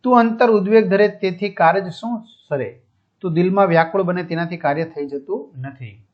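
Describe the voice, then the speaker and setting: A man's voice: high voice, moderate pace. A man teaching a school lesson, going through textbook exercises step by step and checking in with his students. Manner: explanatory, checks with listeners. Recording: dull lo-fi sound.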